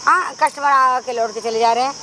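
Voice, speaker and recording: Actress as a sneering older mother-in-law, high-pitched and mocking, crickets and outdoor noise behind. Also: a little fast, pushed and bright. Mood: taunting. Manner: taunting, bullying, scornful. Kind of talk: staged confrontation drama.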